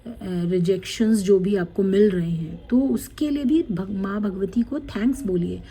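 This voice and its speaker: A woman tarot card reader, gently guiding viewers through a spiritual card reading, with many fillers. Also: medium pitch, breathy edge. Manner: slow, gentle guidance with many fillers, reading card messages aloud in English.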